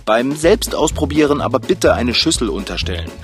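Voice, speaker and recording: A man's voice: medium pitch, very animated, normal speed, soft background music. A man reading a scripted, upbeat explainer segment as narrator.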